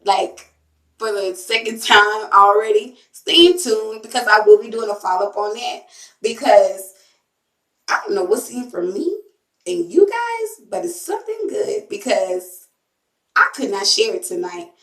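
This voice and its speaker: A woman's voice: medium pitch, expressive, measured pace, a bit bright, reverberant, far from the mic, poor audio. A woman hosting a spiritual tarot channel, talking casually and emphatically to her viewers, repeating phrases and using everyday slang.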